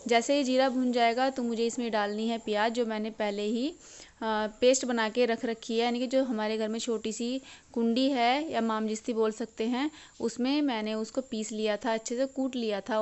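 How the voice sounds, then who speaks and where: Smooth woman cooking voice-over. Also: a little high, darkish tone. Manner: explains each step plainly. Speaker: cooking vlogger.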